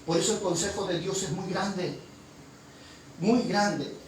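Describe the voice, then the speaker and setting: A man's voice: high-pitched, measured pace. A man preaching a sermon as pastor, impassioned, quizzing his congregation with call-and-response questions. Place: church hall. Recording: very echoey hall, voice from far off, faint noise.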